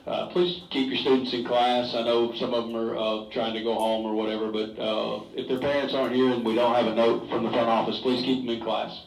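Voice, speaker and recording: Guy on the school intercom, flat steady voice, echoey and far off. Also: medium pitch, fairly quick, few pauses, a little hiss or hum. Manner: polite, hesitant with many "uh" fillers. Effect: school intercom loudspeaker. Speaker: school staff making an announcement. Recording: roomy classroom sound from a distant speaker.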